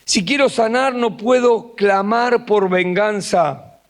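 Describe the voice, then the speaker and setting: High-voiced Argentine man preaching a sermon. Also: slow. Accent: Argentine Spanish. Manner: swings between hushed intimate passages and raised emphatic ones. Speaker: pastor. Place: church camp gathering.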